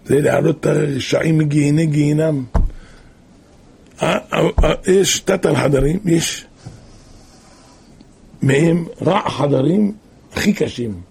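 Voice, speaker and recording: A man preaching, telling a moral story in an animated storytelling way with wide swings of pitch. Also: creaky, long pauses, breathy edge.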